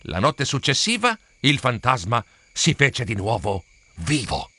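A man narrating a children's storybook in a theatrical way, with sound effects and drawn-out words. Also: mid-range voice, huge pitch swings, sharp tone, breathy edge. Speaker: storybook reader.

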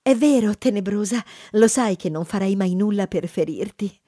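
A woman voicing a kind, gentle young female mouse with a sweet manner in an audiobook story. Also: medium pitch, lively intonation, moderate pace, dry recording, clean studio sound, close to an everyday voice. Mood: tender. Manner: warm and sweet. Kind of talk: audiobook character reading.

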